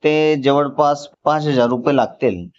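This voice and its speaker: A man voicing a secretive young woman who asks her boyfriend for help, in a slow, pleading storybook reading. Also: mid-range voice, natural voice. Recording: slightly dull lo-fi recording.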